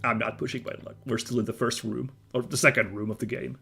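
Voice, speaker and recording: A man with a medium-pitched voice commentates casually on a game he is streaming. He rambles through self-amused asides. Music plays behind him. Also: little pitch movement, fast talker, vocal fry, bright, forceful tone, husky.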